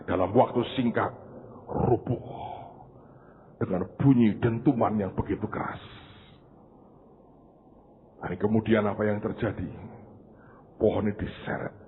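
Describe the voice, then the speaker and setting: A pastor telling a story in a sermon, with dramatic swings from soft tones to shouting. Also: male voice, fairly low pitch, steady tone, a little slow, pauses often, a little hiss or hum. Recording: tinny phone-like sound.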